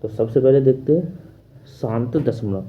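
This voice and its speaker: A man's voice: mid-range voice, unhurried, phone-quality sound, slight background noise. A man teaching a math class online, asking questions and answering them himself in a repetitive drilling manner.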